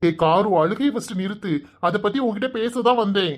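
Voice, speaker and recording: Cartoon role: a teasing, soft-spoken young village man with a Kanyakumari Tamil accent, a woman doing the voice. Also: medium pitch, natural voice. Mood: coaxing. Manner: teasing and coaxing, soft and drawn-out. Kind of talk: cartoon voice acting.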